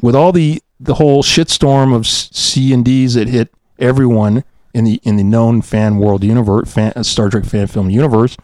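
This podcast host and audio drama producer has a medium pitch, fairly even intonation, and a darkish tone, talking at normal speed with hardly any pauses. His rambling after-show chat is casual and self-mocking, with hesitant word-searching, and there's no echo.

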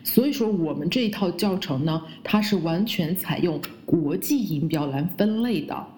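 A woman who speaks Chinese as her first language, teaching English pronunciation and slowly repeating the English words she models. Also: lowish voice, expressive, a little mellow. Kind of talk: pronunciation lesson.

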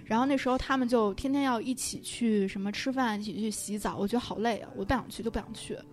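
A woman's voice: a little high, quick pace. A woman recollecting things in informal, casual conversation.

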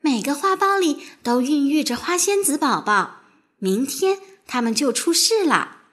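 A tiny, gentle flower fairy girl from a children's storybook, read by a woman, with a high, sweet voice that rises and falls lightly. She speaks softly and sincerely, a kind little sprite. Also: very animated, unhurried, exaggerated voice. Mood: warm.

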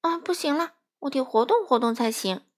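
A woman voicing a patient, gentle young male duck in a children's storybook, speaking earnestly and coaxingly. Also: high-pitched, lively intonation, normal speed, pitched above the performer's own voice.

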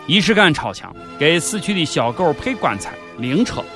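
Over background music, a Shaanxi-accented man hosts comedic scripted news commentary, sounding sardonic and mock-serious. His voice sits on the high side, sing-song, at a moderate pace.

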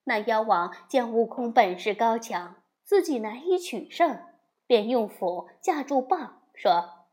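Slow, expressive woman storyteller. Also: on the high side. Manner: expressive, acts out the characters. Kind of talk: storybook narration.

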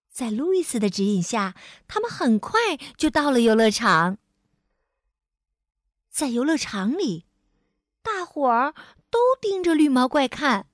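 A woman narrates a children's storybook with a high, sing-song voice that swoops up and down. She takes her time and draws out her sentence-final particles. The recording is close and dry. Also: no room sound.

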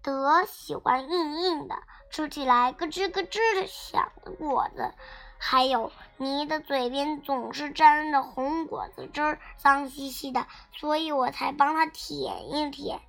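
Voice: high voice, fairly even intonation, measured pace, vocal fry, a bit bright, heavily acted. A child voicing a kind, patient father dinosaur who explains things fondly in a storybook. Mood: explaining. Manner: fond, explaining.

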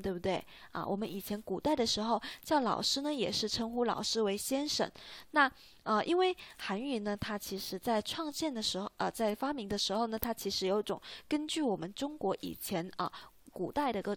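A woman's voice: on the high side, no room sound. A woman teaching a beginner language lesson, patiently repeating words and often checking with "right?".

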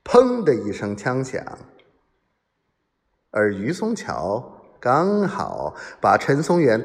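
A man narrating a serialized story dramatically, acting out the quoted voices. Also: mid-range voice. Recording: long hall reverb.

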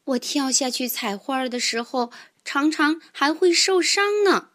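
A woman telling a children's story in the first person, with expressive sighs. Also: sits high, a little slow.

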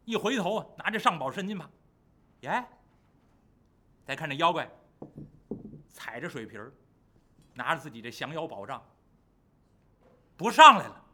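Lively male storyteller, bright voice. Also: on the high side, normal speed, pauses often. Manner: lively, animated, addresses the audience. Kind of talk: traditional storytelling performance.

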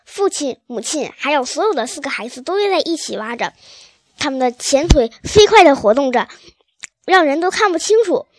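A woman's voice: high voice, sing-song, normal speed, background noise. A woman reading a children's storybook aloud, with occasional slips and restarts.

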